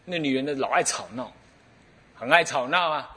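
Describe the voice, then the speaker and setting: A man's voice: mid-range voice, normal speed. A middle-aged man with a Taiwanese Mandarin accent, a Buddhist abbot giving a dharma talk full of stories, laughing and acting out the dialogue. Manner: animated storyteller who laughs and acts out dialogue.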